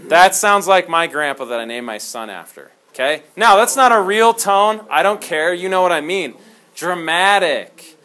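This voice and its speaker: A male history teacher lecturing his class in a classroom. His voice sits a little high, and he talks in an animated, jokey way. He keeps slipping into dramatic storytelling. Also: moderate pace.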